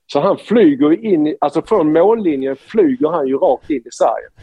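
A man from Sweden, a former hockey player, telling an animated anecdote with many restarts. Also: on the high side, breathy edge, no echo, narrow, tinny audio. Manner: animated storyteller, many restarts, quotes others.

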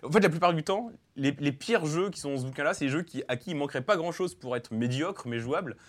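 A man speaking as a guest at a quick clip. His chat is lively and casual, full of animated retelling. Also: on the high side.

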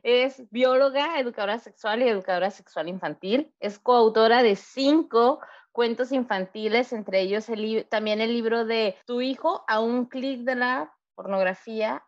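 Upbeat woman host, fairly high voice, sound a bit dull. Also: normal speed. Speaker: podcast host. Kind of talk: introducing a guest.

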